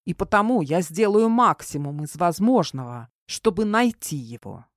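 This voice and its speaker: A woman narrating an audiobook in the first person, even and measured. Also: lowish voice, no echo, studio quality.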